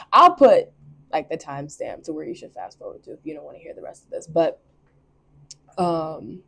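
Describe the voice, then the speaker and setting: A woman's voice: sits low, sing-song, normal speed, gravelly, long pauses, a bit bright, husky. A young woman who reads tarot, talking casually and expressively and laughing often. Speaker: tarot reader. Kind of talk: casual chat.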